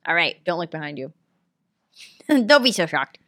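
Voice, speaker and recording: A woman hosting an interview show, teasing her guest with quick wisecracks. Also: on the low side, very animated, fairly bright tone. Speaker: talk show host.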